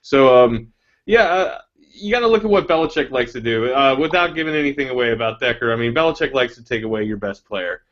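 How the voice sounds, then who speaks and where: A man's voice: mid-range voice, expressive, a little fast. A man co-hosting a fantasy football podcast, rambling in casual chat with many restarts. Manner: rambling, many restarts and fillers, laughs easily. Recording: dull lo-fi audio.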